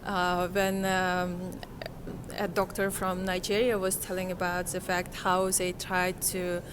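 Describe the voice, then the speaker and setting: Here the Kazakh interviewee, a conference attendee, talks in a lowish voice with an entirely flat delivery, taking her time. Her reflective answers come hesitantly as she hunts for words, and background noise is audible.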